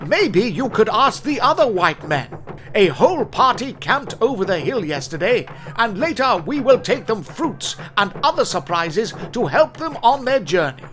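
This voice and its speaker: A man's voice: high-pitched, big pitch swings, normal speed, fairly bright tone, a little hiss or hum, pitched above the performer's own voice. A man voicing a friendly village chief in a cartoon, speaking in a courteous, welcoming way.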